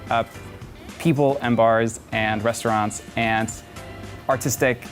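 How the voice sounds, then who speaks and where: With faint music behind him, this medium-pitched young man talks slowly and fairly evenly. He's an Atlanta, Georgia native on a relaxed talk show interview, chatty, candid and full of fillers.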